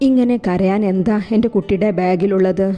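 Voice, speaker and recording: A doting elderly grandfather who coaxes and soothes, played by a woman reading an audio novel. The voice is mellow and soft. It sits in an echoey room with faint music underneath. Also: mid-range voice, fairly quick, lightly acted. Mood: soothing. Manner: tender, coaxing. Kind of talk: audiobook character voice.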